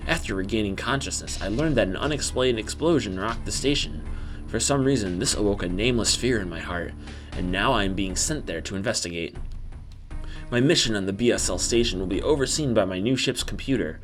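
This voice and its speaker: A man's voice: fairly low pitch, animated, brisk, soft background music, close to an everyday voice. A man voicing a solemn female bounty hunter narrating game story, in stilted amateur bad acting. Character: solemn female space bounty hunter recounting her past.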